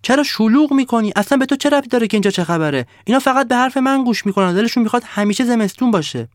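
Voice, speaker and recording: A man's voice: high-pitched, big pitch swings, no room sound, clean studio sound, voice pushed up. A man voicing a bossy, greedy snowman who barks rude orders at villagers in a storybook tale. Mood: angry. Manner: barking orders, rude and demanding.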